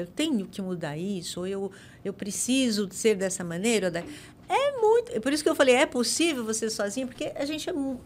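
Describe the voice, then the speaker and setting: A woman's voice: a little high, slight background noise. A woman who reflects aloud in a podcast conversation, with frequent restarts.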